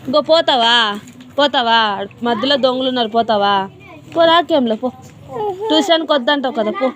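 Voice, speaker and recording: A woman's voice: sits high, moderate pace. A woman tuition teacher, scolding and teasing a crying child. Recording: noisy room with children around.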